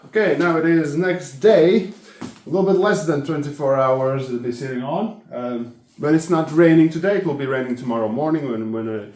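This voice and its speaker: A man talking casually through a do-it-yourself car job. He is hesitant and self-deprecating and thinks aloud as he goes. The audio is a low-quality phone recording made without a microphone. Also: normal speed, a little mellow. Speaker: car vlogger. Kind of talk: casual DIY walkthrough. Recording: echoey, noisy phone recording.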